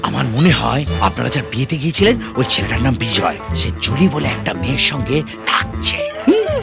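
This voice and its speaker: An actress playing a gossiping informant who reports scandal over the phone. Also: female voice, very deep voice, huge pitch swings, brisk, creaky, music in the background, full character voice.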